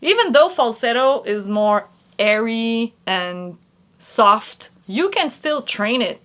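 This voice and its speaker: A woman vocal coach giving a singing lesson, explaining exercises slowly and clearly between sung vocal demonstrations. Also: fairly high pitch, lively intonation, a bit bright, slight background noise. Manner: slow, clear instructions with sung vocal examples.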